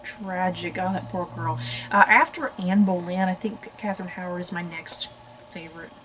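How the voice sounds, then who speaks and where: A woman's voice: fairly low pitch, normal speed, a bit bright, slight background noise, rough recording. An American woman hosting a book channel, chatting casually and expressively to viewers as she reads synopses aloud. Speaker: book review channel host.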